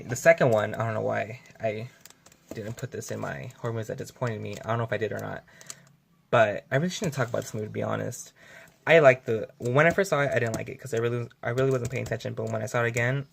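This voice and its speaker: A man's voice: fairly low pitch, fairly even intonation, fast, creaky, a little hiss or hum. A young man talking casually to camera in a home video, rambling with lots of fillers and restarts as he corrects himself. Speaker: vlogger. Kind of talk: casual unscripted video review.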